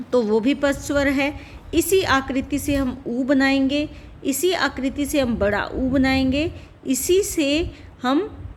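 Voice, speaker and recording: A woman with a high voice teaches a lesson patiently. She repeats her points and poses questions before answering them. A faint hiss sits under her voice. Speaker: Hindi teacher. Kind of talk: classroom-style lesson explanation.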